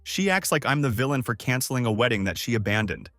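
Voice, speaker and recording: A man's voice: medium pitch, sing-song, fast talker, fairly bright tone, dry recording, faint music behind. Sardonic man narrating a story. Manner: dry, sardonic. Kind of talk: scripted first-person story narration.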